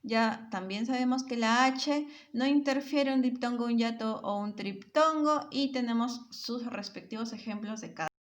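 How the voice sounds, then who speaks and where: A woman's voice: fairly high pitch, normal speed, hardly any pauses. A woman teacher giving a grammar lesson to children, often checking in with short tag questions and sounding words out syllable by syllable.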